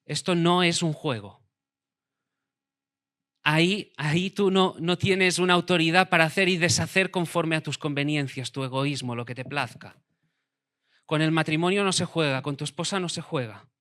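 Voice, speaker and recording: Emphatic preacher, bright voice. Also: male voice, on the high side, normal speed. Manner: emphatic preaching, dropping to quiet for weight. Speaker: pastor. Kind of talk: sermon.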